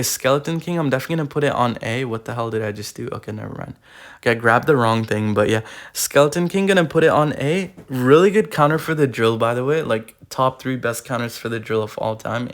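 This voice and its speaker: A young man giving casual, slangy gaming commentary while ranking cards, full of fillers, his voice going a bit hoarse, recorded on a tablet. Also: medium pitch. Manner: rambling, slangy, filler-heavy. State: losing his voice. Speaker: gaming YouTuber. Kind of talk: casual tier-list commentary. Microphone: iPad recording.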